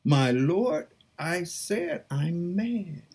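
Praying and reading from scripture, this woman sounds fervent and pleading, dragging her words out at a very slow pace. Her husky, breathy, slightly mellow voice has lively intonation, dipping into low murmurs and rising to high cries.

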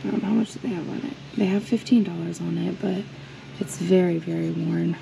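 Fan noise sits behind this rough recording of a reseller vlogger walking through an antique mall with a handheld camera, chatting and admiring things with lots of ums. She speaks at normal speed in a fairly low, warm, creaky voice with a steady tone.

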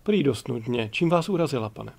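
A man's voice: medium pitch, lively intonation, creaky, a little mellow, husky. A male audiobook narrator voicing a courteous, formal ship captain in his mid-forties. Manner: polite, formal.

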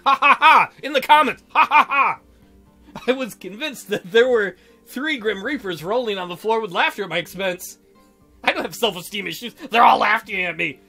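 A man with a high, creaky voice and a sharp tone speaks animatedly at a moderate pace. He's giving a joking, theatrical let's-play reading of a visual novel, frequently giggling and adding playful remarks, with music underneath.

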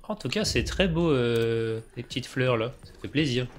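A man's voice: medium pitch, animated, normal speed, a little hiss or hum. A man casually commentating a video game he plays, joking and chatting with himself. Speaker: let's play gamer. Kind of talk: casual let's play commentary.

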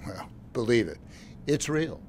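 A man playing a middle-aged TV producer who is brisk, persuasive and dismissive. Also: mid-range voice, sing-song, gravelly, a little hiss or hum. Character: pushy male TV producer, schedule-minded.

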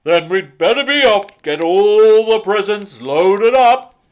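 Big booming, jolly Santa. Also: male voice, lively intonation. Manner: hearty, blustering, drawn-out exclamations.

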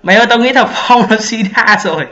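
A man's voice: sits high, fast talker. A young man chatting casually and joking with friends while gaming. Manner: joking, excitable, swears casually. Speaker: gaming channel host. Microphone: voice chat mic. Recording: echoey, dull lo-fi voice chat.

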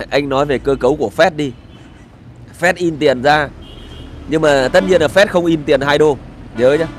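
A middle-aged man vlogs from a street, ranting in a sarcastic, crude, rambling way and swearing as he goes. His voice sits a little high and moves at a moderate pace. There's a faint hiss or hum on the recording.

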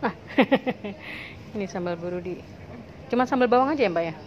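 A woman's voice: mid-range voice, lively intonation, moderate pace, lo-fi sound. A woman vlogging as she shops in an indoor food shop, chatting and exclaiming, filmed on a handheld phone. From Indonesia. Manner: chatty, exclaiming, mixing English and Indonesian. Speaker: vlogger shopping. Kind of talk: casual chat. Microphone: handheld phone camera. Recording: loud shop background noise.

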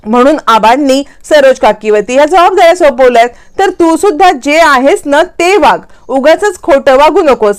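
A woman's voice: sits high, close to an everyday voice. A woman voicing a scheming young husband, coaxing and smug as he misleads his wife.

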